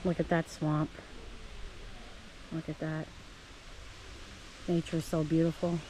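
A woman's voice: low-pitched, little pitch movement, takes it slowly, background noise. A middle-aged woman chatting straight to her viewers as she films herself on park trails. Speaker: vlogger. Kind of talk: casual vlog narration. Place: outdoor park trails by a spring. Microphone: handheld camera at arm's length.

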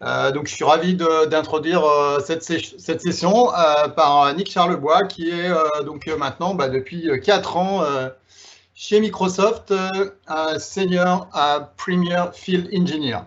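A man hosting a conference session, introducing the speaker with many fillers and pauses. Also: on the high side, a bit bright, highs cut off.

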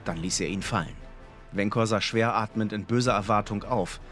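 A man narrating a fantasy audiobook in a dramatic, expressive storytelling manner. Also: fairly low pitch, normal speed, faint music behind.

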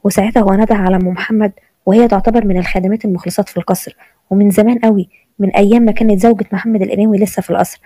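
A woman's voice: mid-range voice, fairly even intonation, dark tone, dry recording. A woman with an Egyptian accent narrating a serial story in a conversational way. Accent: Egyptian Arabic. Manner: rapid, conversational.

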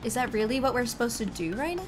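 A woman's voice: a little high, animated, quick pace. A woman in her thirties giving casual, chatty gameplay commentary as a streamer, often exclaiming in surprise. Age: 30s. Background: game music.

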